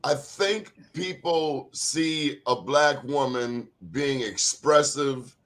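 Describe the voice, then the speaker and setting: An American man hosting a casual, opinionated talk show in an animated, expressive way. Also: medium pitch, takes it slowly.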